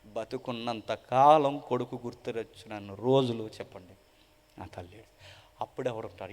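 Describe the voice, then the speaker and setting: A man preaching a dramatic gospel sermon with a Telugu-speaking South Indian accent, swinging between loud proclaiming and hushed, mournful tones and asking the crowd repeated rhetorical questions. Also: on the high side. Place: large gospel meeting hall. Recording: long hall reverb.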